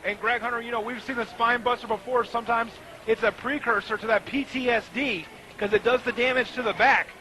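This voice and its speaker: A man's voice: very high-pitched, steady tone, fairly quick, sharp tone. A man giving color commentary on a live wrestling match, explaining moves in a conversational way. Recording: noisy live event recording.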